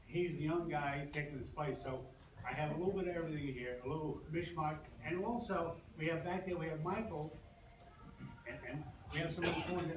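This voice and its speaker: An older Brooklyn native who runs a business speaks casually to a live crowd of customers, wandering off topic, joking, and restarting halting sentences. His pitch is fairly high. Captured by a distant mic in a large echoey room with an audience, the sound is noisy.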